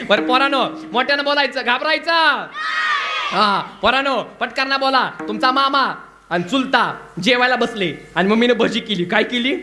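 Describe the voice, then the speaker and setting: A man giving a humorous devotional sermon to children, bantering and coaxing them to shout back. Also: extremely high pitch, slight background noise. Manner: bantering call-and-response, coaxing the crowd to shout. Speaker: kirtan preacher.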